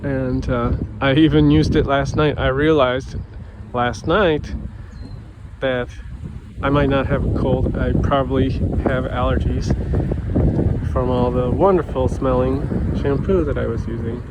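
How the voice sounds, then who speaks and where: In a very noisy recording, a man with a mid-range voice and steady tone talks unhurriedly to camera. He's a vlogger and educator, rambling casually with lots of fillers and restarts, and he sounds stuffy and sniffly.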